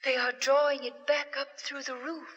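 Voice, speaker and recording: A woman's voice: high voice, flat delivery, normal speed, fairly bright tone, dull audio. A woman playing a loyal young woman who urges a prisoner to escape, in a 1940s radio drama, speaking in an urgent, coaxing way. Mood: tender hushed. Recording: reverberant old radio studio.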